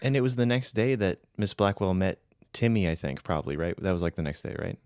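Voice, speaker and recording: Lowish dry-voiced chatty man. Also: animated, fast talker, darkish tone, smooth, no room sound. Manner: enthusiastic, chatty. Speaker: podcast co-host and role-player. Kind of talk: casual podcast chat.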